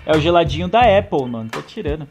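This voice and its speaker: Higher-voiced São Paulo man chatting casually. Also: animated, fast talker, a little mellow, soft background music. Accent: Brazilian Portuguese, São Paulo. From São Paulo, Brazil. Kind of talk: casual chat with slang.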